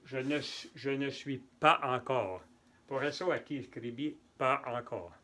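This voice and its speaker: A man's voice: mid-range voice, unhurried, sharp tone. A man teaching French grammar to Spanish speakers, patiently repeating example sentences and translating them. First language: neither French nor Spanish. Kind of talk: bilingual grammar lesson.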